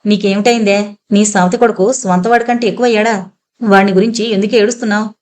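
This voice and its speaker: A woman voicing a domineering, bitter old grandmother who scolds quickly and sharply. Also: medium pitch, steady tone, a little mellow, lightly acted. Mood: scolding.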